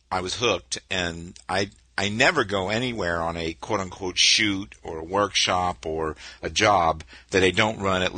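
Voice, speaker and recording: A man's voice: low-pitched, sharp tone, no echo. A middle-aged man hosting a podcast, upbeat with an announcer-like delivery. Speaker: podcast host. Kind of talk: casual podcast chat.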